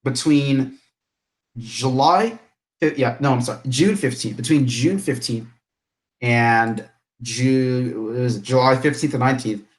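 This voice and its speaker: Young male live-stream host from Bangladesh, mid-range voice, casual and rambling, quick to laugh, computer mic. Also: mid-range voice, low-quality recording. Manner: rambling, chatty, laughs often, many restarts. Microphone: computer mic, camera off.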